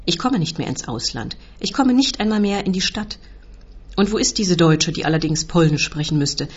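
A woman reading aloud as a loud, self-pitying Polish uncle who rants and bellows. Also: on the low side, expressive, moderate pace, slightly rough. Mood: demanding. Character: loud desperate middle-aged Polish uncle, man. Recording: dull lo-fi recording.

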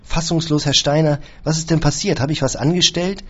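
Give me a man playing a flustered, apologetic male caretaker with a husky voice. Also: fairly low pitch, animated, fairly quick, highs cut off. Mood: distraught. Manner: anxious, apologetic.

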